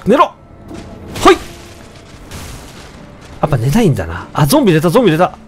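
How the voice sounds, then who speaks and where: A young man casually commenting on his own gameplay, chatting to himself with sudden excited outbursts. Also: on the high side, brisk, faint music behind. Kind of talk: casual let's-play commentary.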